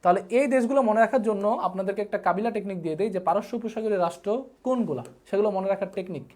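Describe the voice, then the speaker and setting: A woman's voice: mid-range voice, very fast, a little mellow. A woman teaching a live online geography lesson, often checking whether the students have understood and giving them playful memory tricks. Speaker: online tutor.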